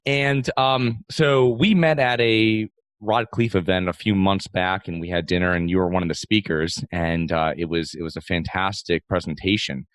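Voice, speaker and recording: A man's voice: low voice, fairly even intonation, normal speed, no room sound. A man hosting an interview podcast, giving introductions and asking questions. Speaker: podcast host.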